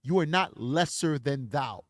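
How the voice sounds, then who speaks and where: A man's voice: mid-range voice, lively intonation, measured pace, no room sound, clean studio sound. A man hosting a true crime livestream, preaching with emphasis and then chatting casually through his plugs on a desk microphone. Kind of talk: impassioned livestream outro.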